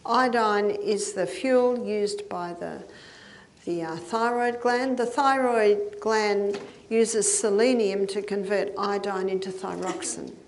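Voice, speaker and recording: Speaking slowly in a steady, medium-pitched voice, an older woman walks an audience through a health lecture step by step, laughing now and then and asking checking questions. Slight background noise is present.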